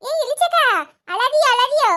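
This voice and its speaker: A woman's voice: extremely high pitch, brisk, pushed and bright. A woman voicing a tired elder sister in a cartoon, exasperated and coaxing, with a Kanyakumari Tamil accent. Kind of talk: cartoon voice acting.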